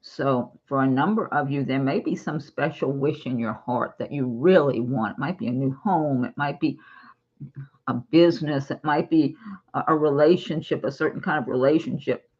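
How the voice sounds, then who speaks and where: A woman giving a chatty, casual tarot reading to her viewers, reassuring and quick to giggle. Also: extremely low pitch, darkish tone, husky, highs cut off. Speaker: tarot reader.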